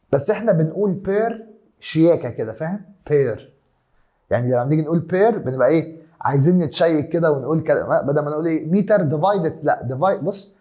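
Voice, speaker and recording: A man's voice: a little high, mellow. A man with an Egyptian accent teaching a science lesson, repeating key terms and mixing in English words. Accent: Egyptian Arabic. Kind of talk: classroom lesson explanation.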